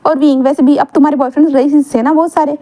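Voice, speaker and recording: A cheeky young male friend, as a woman voices him, teasing and playful. His voice is high and his words tumble out fast. A sidekick in a romance storybook. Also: fairly even intonation, mellow.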